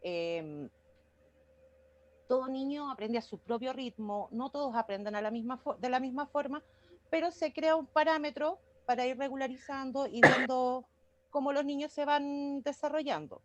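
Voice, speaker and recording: A woman summarizes her part of a class presentation over a video call, pausing often with fillers. Her voice is fairly high. The call sound is dull and muffled.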